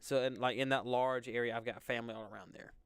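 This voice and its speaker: A man's voice: mid-range voice, steady tone, quick pace, clean tone, dry recording. A young man from Alabama, hosting live weather coverage in a casual, rambling way with lots of fillers. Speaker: weather stream host.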